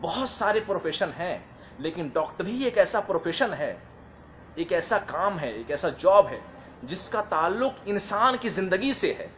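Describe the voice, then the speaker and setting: Brief: man, fairly high voice, earnest and repetitive, faint background hum, casual advice talk. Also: very animated, poor audio. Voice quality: modest, apologetic about his English. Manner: earnest, repetitive, reads long list slowly. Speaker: advice speaker on careers.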